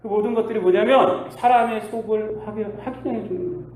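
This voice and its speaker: A male pastor preaching a sermon, asking the congregation rhetorical questions and swinging between loud bursts and quiet asides. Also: sits high, a little fast. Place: church sanctuary. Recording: echoey church hall with faint hiss.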